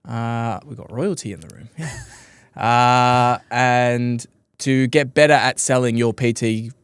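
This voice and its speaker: A man hosting a podcast interview, relaxed and chatty, dropping lots of "yeah" and "you know". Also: mid-range voice, takes it slowly, clean tone, no room sound, clean studio sound. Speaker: podcast host. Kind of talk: casual interview chat.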